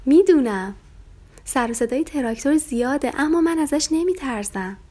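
A woman voicing a timid, easily frightened little male lamb in a children's story, speaking in a slow, small, childlike voice. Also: on the high side, dark tone, voice pushed up, close to an everyday voice. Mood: reassured.

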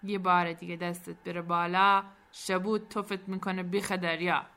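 A woman acts out a calm, stern boat captain who gives quiet commands in an audio story. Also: fairly low pitch.

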